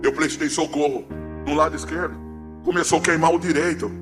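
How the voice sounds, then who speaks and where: A man's voice: a little high, steady tone, a little fast, music in the background. Dramatic preacher man. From Pernambuco, Brazil. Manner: dramatic storytelling, swings between hushed and shouting. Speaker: preacher giving testimony. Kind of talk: emotional testimony sermon.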